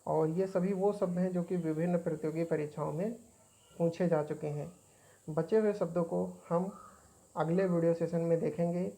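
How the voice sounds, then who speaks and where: Low, flat-voiced woman teaching grammar. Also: moderate pace, rough recording. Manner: methodical, repeating each word as right or wrong. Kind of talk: exam-prep grammar lesson.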